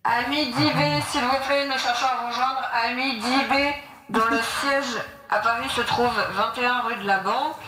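A woman making a slow, formal public appeal through a megaphone. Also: fairly high pitch, fairly even intonation. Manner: slow, formal, drawn-out calling out. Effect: speaking through a megaphone. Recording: echoey megaphone sound with noise.

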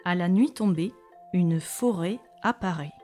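A woman reading a children's story aloud in a lively, expressive way. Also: fairly low pitch, measured pace, soft background music.

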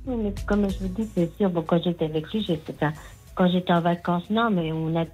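A woman's voice: on the low side, a little fast, darkish tone, lo-fi sound, faint music behind. A French woman calling in by telephone, chatting spontaneously and often interrupting herself. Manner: rambling, self-interrupting. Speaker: radio phone-in caller. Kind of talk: spontaneous personal conversation.

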